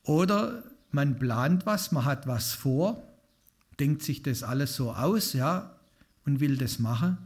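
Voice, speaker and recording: A man's voice: medium pitch, expressive, takes it slowly, husky. Guy preaching in church, chatty, keeps asking the room stuff. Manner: conversational, asks the congregation questions. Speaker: lay preacher. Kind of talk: informal sermon.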